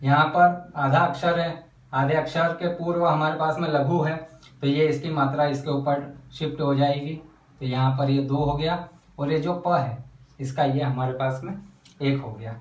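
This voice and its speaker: A man teaching a lesson on counting syllables in verse, speaking slowly and breaking words into syllables as he writes them out. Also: fairly high pitch, fairly even intonation, echoey room, recorded from a distance, low-quality recording. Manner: slow, spells out syllables while writing. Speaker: Hindi poetry teacher. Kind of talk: whiteboard lesson.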